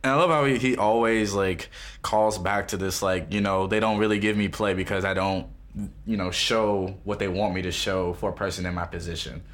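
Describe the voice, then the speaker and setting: A man in casual conversation reviewing an album, animated and enthusiastic, often swearing and exclaiming as he breaks down lyrics. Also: sits low, normal speed. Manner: animated, swears, gushes over verses. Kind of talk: casual music review chat.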